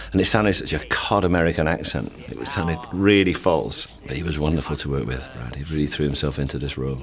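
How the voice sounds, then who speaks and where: A man actor giving film commentary, telling candid anecdotes about the shoot. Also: a bass voice.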